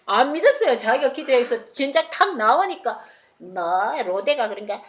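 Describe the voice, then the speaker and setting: Lively woman telling a bible story to kids. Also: on the high side, moderate pace. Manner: animated, asks the children questions. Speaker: children's Bible teacher. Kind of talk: children's sermon storytelling.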